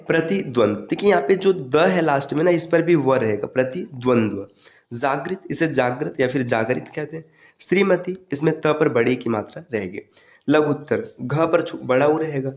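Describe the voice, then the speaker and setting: A male teacher leads an online exam-prep lesson, steadily drilling right and wrong word forms and calling his students friends. His voice is mid-range with a darkish tone.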